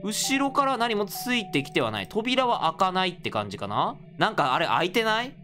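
A man casually commenting on a horror game he is playing, excitable and yelping when scared. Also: high voice, normal speed, music in the background. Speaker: gaming video host. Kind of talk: casual let's-play commentary.

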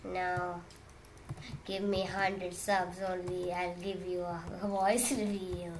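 A woman's voice: lowish voice, slow pace. A woman chatting casually while playing a computer game, playful and making silly sound effects. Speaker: gamer making videos. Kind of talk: casual gaming chat. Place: at a computer, indoors. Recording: steady noise with keyboard clicks.

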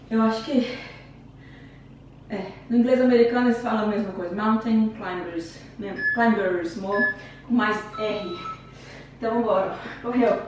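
A woman with a Brazilian Portuguese accent coaching a home workout, chatty and encouraging, counting down reps while out of breath from exercising. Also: a little high. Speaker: fitness instructor. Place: room at home. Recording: very echoey room, distant mic, faint noise.

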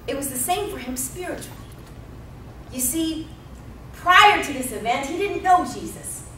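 Preaching as pastor, a woman in her thirties tells the story with emphatic repetition, her high voice expressive and sharp at a moderate pace. A distant pulpit mic in the church sanctuary captures roomy, off-mic sound with slight background noise.

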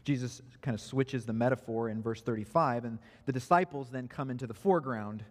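A man's voice: medium pitch, fairly quick, big-room sound. A man preaching an expository sermon who grows emphatic when he quotes scripture. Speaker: pastor. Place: church sanctuary.

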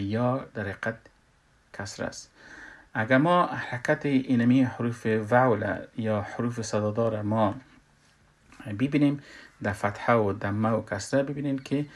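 A man with an Afghan Dari accent teaching a Quran recitation lesson, pausing often with filler sounds and loudly sounding out letters and vowels. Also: lowish voice. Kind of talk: tajweed lesson.

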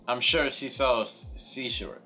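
A man's voice: mid-range voice, takes it slowly, loud music behind the voice. A young man, bantering casually in a playful, mock-exasperated way. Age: young adult. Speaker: co-host learning tongue twisters. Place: living room couch, indoors.

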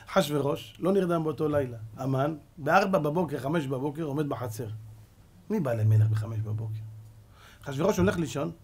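A rabbi delivering an animated storytelling sermon, throwing out rhetorical questions as he goes. His voice is husky and a touch high for a man.

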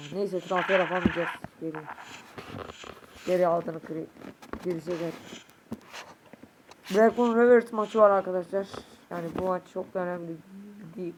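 A man, a gaming youtuber, a bit sick, giving casual gameplay commentary and shouting at his players. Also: sits high. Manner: excitable, shouts at players, mutters curses. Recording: noisy home recording.

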